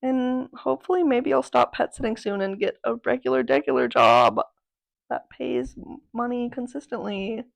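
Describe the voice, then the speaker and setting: A woman's voice: a little high, lively intonation, moderate pace, creaky. A young adult woman hosting a podcast, rambling in casual slangy chat, swearing freely and laughing between remarks. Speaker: podcast host.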